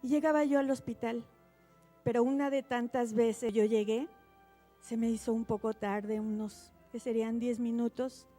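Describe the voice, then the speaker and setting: A middle-aged woman giving a heartfelt faith testimony at a church gathering. She tells her story quietly and grows softer at the tender moments. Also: fairly high pitch, fairly even intonation, moderate pace, faint music behind. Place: church auditorium.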